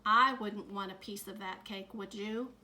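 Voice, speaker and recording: A middle-aged woman teacher reading a picture book aloud to children, adding gentle comments as she goes. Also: mid-range voice, fairly even intonation, slight background noise. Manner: slow, gentle storytime delivery with added comments to kids.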